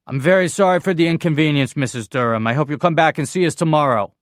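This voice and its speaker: A man doing a loud, fussy store owner. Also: mid-range voice, brisk, no room sound, clean studio sound, lightly acted. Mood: calling out. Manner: loud, placating, calling out.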